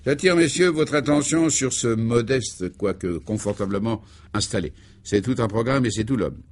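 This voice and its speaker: A man playing an excitable, pompous male security chief in a radio serial, who talks in an emphatic, declamatory way. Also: medium pitch, a little fast, pitched above the performer's own voice, lightly acted. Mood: indignant. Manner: agitated and exclamatory. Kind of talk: 1950s-style French radio serial acting.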